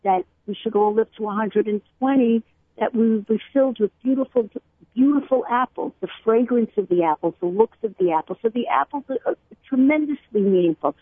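A middle-aged woman from Brooklyn, a cookbook author explaining food customs at length with many pauses and fillers, calling in to a radio interview. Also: on the high side, husky, dry recording. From Brooklyn, USA. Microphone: telephone. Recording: tinny phone line, dry.

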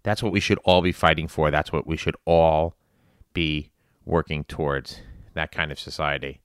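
A man delivering an earnest monologue on current events in deliberate, halting phrases with emphatic repetition. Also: very deep voice, steady tone, clear, resonant tone, dry recording, studio quality. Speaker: spin class instructor.

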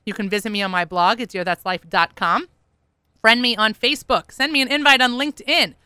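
Bright, tired-sounding woman radio host. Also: a little high, fairly quick, clear, resonant tone, no echo. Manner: chatty, self-deprecating, upbeat. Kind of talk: casual radio chat. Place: radio studio. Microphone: studio microphone.

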